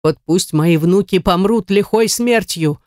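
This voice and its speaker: A woman's voice: fairly low pitch, a little slow, a little mellow, no room sound, studio quality, close to an everyday voice. A reader voicing an old grandmother who shrilly curses and accuses a neighbour in an audiobook. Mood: bitter accusing. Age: older. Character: old grandmother, bitter, cursing, superstitious.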